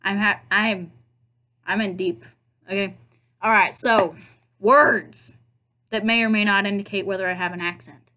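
A young woman from Nebraska, USA, films a casual accent tag video on her laptop webcam indoors in her bedroom, chatty and self-mocking with playful asides. Her mid-range voice is bright and forceful, steady in tone, measured in pace, and full of pauses.

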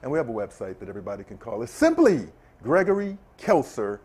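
A middle-aged man, a former player, chatting as a guest on a TV sports show, explaining his views in a measured way with examples. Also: mid-range voice, wildly swooping pitch, a little mellow, slightly rough. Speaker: guest, former basketball player and camp director. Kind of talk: casual studio chat. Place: TV sports studio set.

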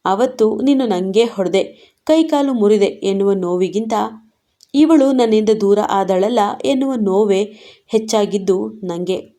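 A woman voicing a jealous, scheming young man who bitterly confesses his obsession, in a mellow tone. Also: medium pitch, measured pace, natural voice.

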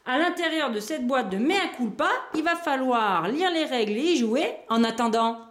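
A woman with a somewhat high voice hosts a casual board game unboxing. She chats easily and thinks aloud as she lifts out each piece, showing it to the viewers. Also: expressive, moderate pace. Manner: chatty, thinks aloud while handling items, small laughs.

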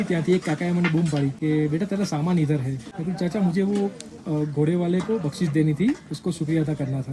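Quick, high-voiced man telling a heartfelt story. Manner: earnest and reflective, gently emotional. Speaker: pilgrim telling a personal story. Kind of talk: heartfelt personal storytelling to camera. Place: outdoors at a mountain pilgrimage site.

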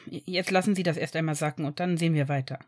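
A woman voicing a kind male village doctor who speaks gently and soothingly, with a few hesitations. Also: low-pitched, moderate pace, no room sound, clean studio sound, pitched below the performer's own voice.

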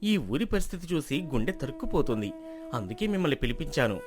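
A man acts out an earnest young villager in a storybook drama, his pitch rising and falling vividly as he pleads his case. The character argues quickly and firmly yet stays calm and persuasive, with soft music underneath.

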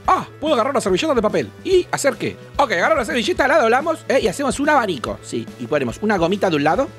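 A man with an Argentine Rioplatense accent hosting a reaction video, crude and mocking, jumping between shouts and mutters. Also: high voice, sing-song, very fast, faint music behind. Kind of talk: casual reaction commentary.

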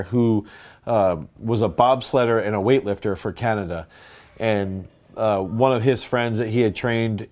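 A man's voice: fairly low pitch, darkish tone. A man, a strength coach co-hosting a podcast, telling a rambling anecdote in casual chat. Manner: rambling anecdotes with quoted voices.

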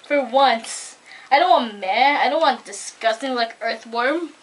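A woman's voice: a little high, unhurried, a little hiss or hum. A teenage girl hosting a casual taste-test at home, giggling often and teasing. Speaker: channel host.

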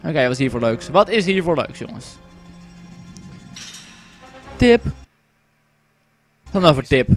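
Young male let's player, high-ish voice, wildly animated, jokey and profane. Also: moderate pace, soft background music. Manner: excitable, swearing, joking, shouts at the game. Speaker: gaming commentator. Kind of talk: casual let's play commentary.

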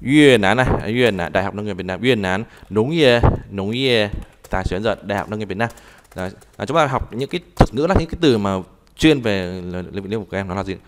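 Halting, low-voiced male language tutor. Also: lively intonation, slight background noise. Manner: halting, repeats words while typing and explaining. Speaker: Chinese language teacher. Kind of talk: live online tutoring session.

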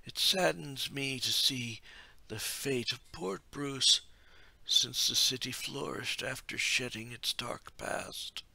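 A man voicing an ethereal, hushed oracle. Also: mid-range voice, gravelly, no echo, pitched above the performer's own voice, heavily acted, rough recording. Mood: solemn. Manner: slow, hushed and measured. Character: ethereal wise male oracle, solemn and grave.

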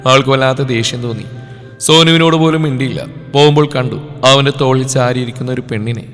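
A man of middle pitch tells a romantic story in a heartfelt, dramatic reading voice. His sentences fall in short, measured beats. The voice rings with a long reverb, and faint music plays underneath. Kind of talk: scripted romance story narration. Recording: long reverb over soft background music.

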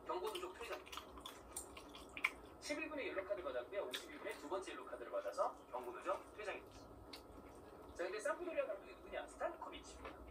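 A man's voice: sits high, huge pitch swings, fast, long pauses, distant mic, noisy background. A man hosting his own video, chatting casually about football while chewing a mouthful of food, explaining things and tossing rhetorical questions to viewers. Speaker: vlog host.

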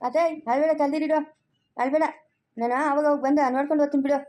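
A woman's voice: high voice, steady tone, rapid-fire, darkish tone, lightly acted. A woman playing a stubborn young village man in a family skit, speaking rural Chikkaballapur Kannada in an insistent, scolding way.

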